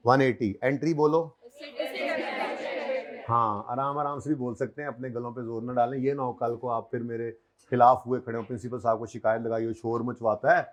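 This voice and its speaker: A man teaching an accounting class in a conversational way, quizzing his students and teasing them lightly, with a Pakistani Urdu accent. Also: mid-range voice. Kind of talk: classroom lecture. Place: classroom with a board.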